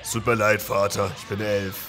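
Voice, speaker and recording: Gohan, as a man puts on a mock-deep boy voice. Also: little pitch movement, moderate pace, over music, close to an everyday voice. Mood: mock solemn. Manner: exaggeratedly low, solemn parody. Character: mock deep-voiced eleven-year-old boy, apologetic.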